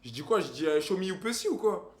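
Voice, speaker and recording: A man's voice: sits high, sing-song, fast, background noise. A man with a French accent streaming casually, crude and joking, mixing in English and Spanish. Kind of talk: casual live-stream chat.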